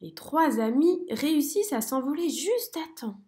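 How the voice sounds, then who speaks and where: A woman reading a children's picture book aloud with lively, expressive storytelling. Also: high-pitched, moderate pace.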